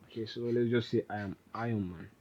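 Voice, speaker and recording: A man's voice: lowish voice, steady tone, fairly quick, darkish tone, highs cut off. A man giving an informal, rambling coding tutorial, often correcting himself as he types. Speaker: programming instructor. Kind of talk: casual screen-recorded coding tutorial.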